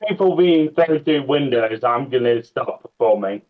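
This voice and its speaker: A man's voice: mid-range voice, lively intonation, normal speed. A man chatting casually as a player in a tabletop game, on a thin microphone. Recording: thin phone-like microphone sound.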